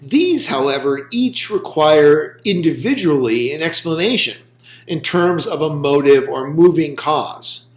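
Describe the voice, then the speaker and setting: A man giving a recorded philosophy lecture, speaking slowly and deliberately with frequent ums. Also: a little high, animated. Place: room with a whiteboard. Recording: roomy echo.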